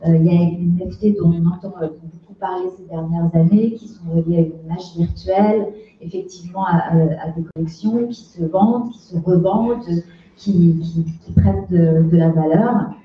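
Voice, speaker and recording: A woman's voice: fairly low pitch, normal speed. A woman, a film producer, speaking off the cuff on a panel and searching for her words. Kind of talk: unscripted panel talk. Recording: echoey, distant, tinny, faintly noisy.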